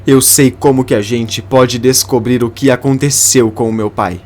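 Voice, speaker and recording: A man's voice: medium pitch, fairly even intonation, normal speed, a little mellow, soft background music, natural voice. A man voicing a grieving, determined young daughter in a narrated soap opera summary.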